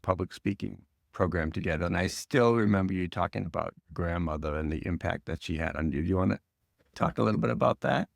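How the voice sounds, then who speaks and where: A man's voice: low voice, fairly quick, vocal fry, dry recording. A middle-aged man hosting a podcast interview, friendly and encouraging in casual chat. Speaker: podcast host.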